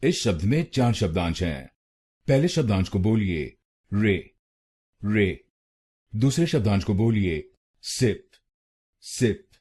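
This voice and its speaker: Slow, husky Indian man teaching pronunciation. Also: on the low side, mellow. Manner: slow, syllable-by-syllable drilling with repetitions. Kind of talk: scripted pronunciation lesson.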